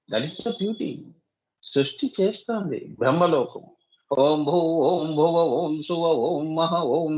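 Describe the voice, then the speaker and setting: High-voiced spiritual teacher. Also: male voice, dull audio. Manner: asks listeners rhetorical questions, addresses them as child. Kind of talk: devotional discourse.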